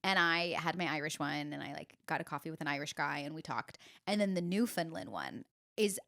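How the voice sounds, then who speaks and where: A woman's voice: sits low, brisk, creaky, pushed and bright. A young woman, an actress, co-hosting a podcast and telling stories in casual chat, chatty and self-mocking.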